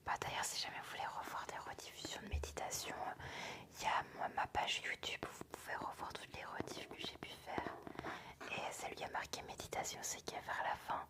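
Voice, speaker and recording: A tired woman whispering intimately, right in the listener's ear, as she hosts a relaxed ASMR livestream chat. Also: a little fast. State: tired, sleepy.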